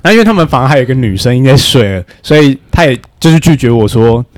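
A man with a Taiwanese Mandarin accent, telling a story in casual podcast chat, excitable and restarting his sentences. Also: medium pitch, quick pace, no room sound. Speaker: podcast co-host.

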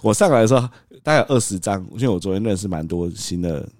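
A man's voice: sits low, fast, no room sound, studio quality. A father, co-hosting a podcast and animatedly acting out a story about his toddler, laughing as he goes. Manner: animated, acts out scenes, laughs often. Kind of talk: casual storytelling chat.

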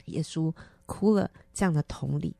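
Low, gravelly woman reading scripture. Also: moderate pace, dry recording. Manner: gentle, earnest, with soft hesitations. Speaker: guest counselor.

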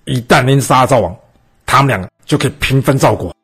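A man telling a history story in a chatty, animated way, hosting his podcast. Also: medium pitch, fast talker, husky, faint music behind.

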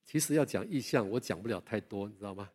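Older pastor telling lively stories. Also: male voice, fairly low pitch, quick pace, slightly rough. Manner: animated storytelling with self-deprecating humor; chatty, asks the listeners questions. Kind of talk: sermon with personal stories.

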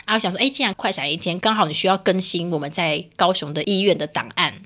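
A Taiwanese-accented woman co-hosts a relaxed podcast. She tells stories quickly and expressively. Her voice jumps up in pitch as she relives her frustrations. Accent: Taiwanese Mandarin. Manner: animated storyteller, voice rises sharply when reliving frustration. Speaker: podcast co-host. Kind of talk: casual storytelling chat.

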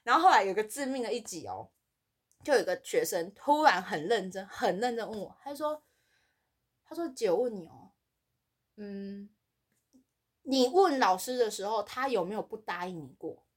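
At a normal pace and with long pauses, a female podcast co-host chats casually through a story from work. She brings it to life by voicing the other characters with wide swings in pitch.

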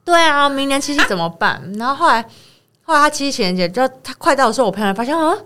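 A woman's voice: high-pitched, lively intonation, racing, bright, forceful tone, slight background noise. A woman with a Taiwanese Mandarin accent, co-hosting a podcast and retelling a friend's story in casual, rambling chat. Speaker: podcast co-host.

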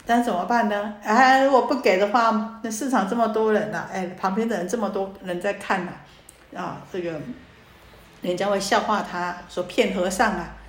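A woman Buddhist dharma teacher giving a sermon, telling a story in a lively way with many fillers. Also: medium pitch, moderate pace. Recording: roomy echo, faint ambience.

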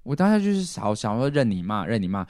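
A male podcast host tells a family story casually and animatedly, acting out the lines his relatives said. He talks fast in a lowish voice, with studio-quality sound and no echo.

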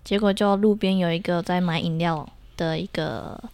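Woman telling a lively story. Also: on the low side, normal speed, clean tone, no echo. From Taiwan. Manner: lively storyteller who acts out voices and laughs often. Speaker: podcast co-host. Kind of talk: casual chat, storytelling.

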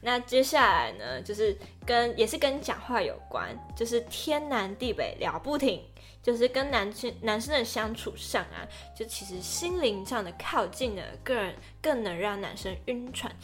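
Faint music plays under a young woman's slightly high, moderately paced voice as she co-hosts a laid-back podcast. Her accent is Taiwanese Mandarin, and she brings her anecdotes to life by acting out quotes and what she was thinking.

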